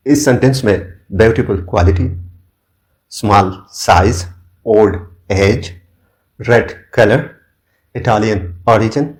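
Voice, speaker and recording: A low-pitched man teaches a grammar lesson at a very slow, deliberate pace. He dictates example sentences word by word, pausing between phrases the way a tutor does in a recorded class. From Pakistan. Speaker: English teacher. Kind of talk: grammar lesson explaining in Urdu.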